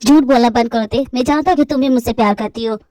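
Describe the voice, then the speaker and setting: A woman lowering her voice to play a lovesick young man in a home-made fan audio drama. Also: fast talker, warm tone, no echo, close to an everyday voice. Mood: pleading. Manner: pleading, earnest.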